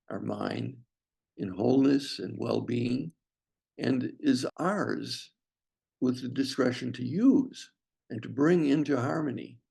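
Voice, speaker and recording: A breathwork teacher leads a guided meditation in a medium-pitched, gravelly, husky voice. He speaks gently and slowly, in short phrases separated by long pauses.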